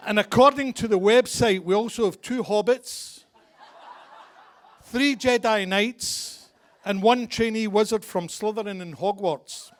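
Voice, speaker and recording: High-pitched Scottish man, broad Glaswegian accent. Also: moderate pace, few pauses. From Scotland. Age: middle-aged. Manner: dry, joking delivery. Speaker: father of the bride. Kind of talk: humorous wedding speech.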